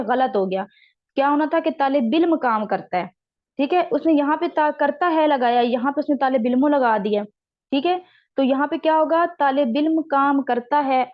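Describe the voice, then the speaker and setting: A woman teaching a recorded exam-prep lecture, explaining slowly and checking in with her students after each point. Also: high voice. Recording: dull lo-fi sound.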